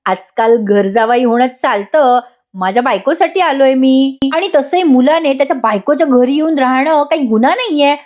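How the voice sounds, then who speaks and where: Panicky young husband, pleading , read by a woman, high voice. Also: moderate pace, a little mellow, close to an everyday voice. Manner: frantic, pleading, dramatic.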